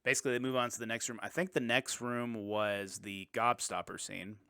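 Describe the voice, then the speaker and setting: A man co-hosting a podcast, casually recapping a film and dropping into quick silly impressions. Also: medium pitch, steady tone, pushed and bright, smooth, no echo. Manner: rambling, retells scenes with quick silly impressions. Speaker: podcast co-host. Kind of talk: casual movie recap chat.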